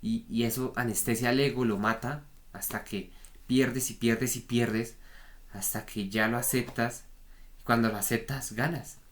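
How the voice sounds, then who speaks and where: A man's voice: medium pitch, steady tone, a little slow. A man giving a frank, repetitive spoken lesson on trader psychology, often checking in with the listener. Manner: frank, repetitive, peppers talk with "¿vale?". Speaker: trading coach.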